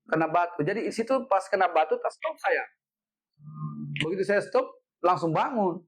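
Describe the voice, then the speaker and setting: A middle-aged man, a guest telling a story in an interview, animated, repeating himself and ending lines with "Pak". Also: sits high, normal speed, slightly rough. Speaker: head of city education office, guest.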